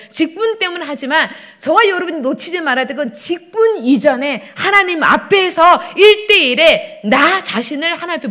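High, lively-voiced woman pastor preaching. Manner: animated storytelling, acting out her own prayers. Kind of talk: sermon. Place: church sanctuary.

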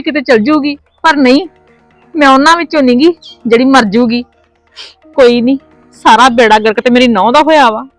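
A woman playing a shrill scolding mother-in-law. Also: no room sound, natural voice, rough recording. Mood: bitter. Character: scolding quarrelsome mother-in-law, shut out of the house. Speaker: actor. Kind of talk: village family drama acting.

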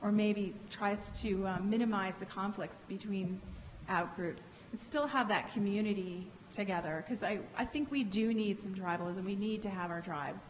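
A middle-aged woman speaking as a panelist at a conference, measured and explanatory, often restarting her phrases, into a table microphone. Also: mid-range voice. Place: large conference hall stage. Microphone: microphone on a table stand. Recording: reverberant hall, faint background hiss.

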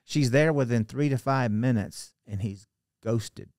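On a podcast, a middle-aged guest tells a story from a book-lined study, speaking into a studio mic mounted on a boom arm. He is animated and gestures a lot, often restarting sentences, and his voice trails off quietly at the ends of phrases. His pace is unhurried, and the studio sound is clean with no echo.

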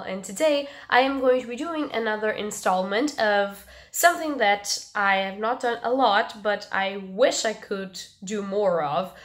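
A young woman with a stuffed, nasal voice and little voice left, chatting casually in a book review vlog and pausing to breathe. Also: mid-range voice, fairly bright tone. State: stuffed nose, losing her voice. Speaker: book vlogger.

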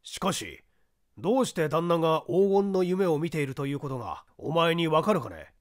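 A woman voicing a calm, educated gentleman who asks measured, gentle questions. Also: deep voice, no room sound, clean studio sound, voice pushed down.

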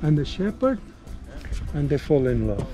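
Older man telling a legend, slow. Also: fairly high pitch, big pitch swings, over music, low-quality recording. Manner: halting storyteller, many fillers. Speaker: local tour guide. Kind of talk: casual storytelling outdoors. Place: outdoor viewpoint.

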